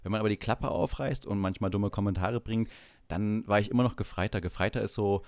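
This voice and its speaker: A man's voice: lowish voice, a little fast, no echo, clean studio sound. A man in casual podcast talk, blunt and profane, retelling stories from his military service with energy. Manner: blunt, swearing, acts out shouting officers in anecdotes. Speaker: podcast co-host. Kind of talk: casual chat.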